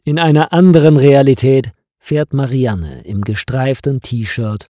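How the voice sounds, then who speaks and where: A man narrating a mystery story slowly and clearly, with lively intonation, for learners. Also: medium pitch, no room sound, studio quality. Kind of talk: slow scripted story narration for language learners.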